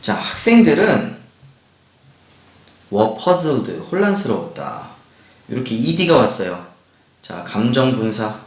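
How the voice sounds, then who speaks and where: A man teaching an English grammar lesson. He explains each point step by step, asks rhetorical questions and reads example sentences slowly. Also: medium pitch, sing-song, reverberant, poor audio. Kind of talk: recorded grammar lecture.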